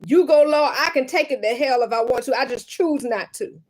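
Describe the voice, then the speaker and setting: A woman's voice: high voice, a little fast. A mother venting to the camera in a blunt, emphatic and profane way.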